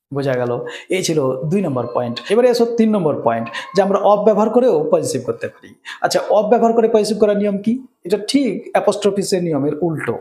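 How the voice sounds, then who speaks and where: A man's voice: high-pitched, warm tone, roomy sound. A man teaching English grammar rules in a lesson, often checking in with his students. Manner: asks students rhetorical check-in questions.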